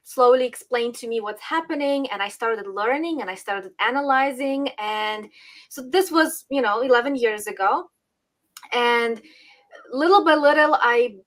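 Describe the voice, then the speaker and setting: This woman, a native Ukrainian speaker from the west of the country, appears as a guest on a podcast for relaxed interview conversation. She sounds earnest and fairly bright, slightly high in pitch, often saying um and laughing softly.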